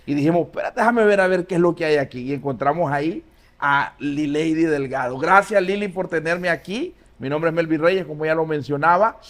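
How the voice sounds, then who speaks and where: A man in his forties, a pastor, telling his life story as an interview guest with many pauses and fillers. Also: a little high, fairly bright tone. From Honduras. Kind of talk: casual interview.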